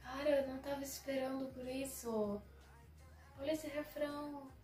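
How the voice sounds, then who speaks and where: Young woman reaction host, higher voice, dramatic and excitable, echoey room. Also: normal speed. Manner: excitable, dramatic, drops to soft murmurs. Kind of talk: casual live reaction. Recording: echoey room with faint music.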